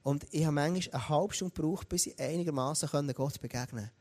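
A man with a Swiss German accent preaching a sermon, talking straight to the congregation in a lively way. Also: a little high, a little fast. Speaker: pastor.

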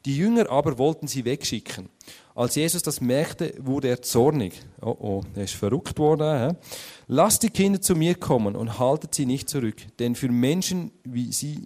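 A man's voice: medium pitch, expressive, normal speed, mellow. A man preaching a sermon in a conversational way, often adding tag questions and acting out quoted speech.

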